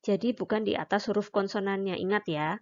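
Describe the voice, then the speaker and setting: A woman's voice: medium pitch, a little fast, darkish tone, dull audio. A woman teaching a language lesson, patiently explaining and demonstrating each syllable aloud. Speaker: Mandarin teacher. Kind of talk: recorded online lesson.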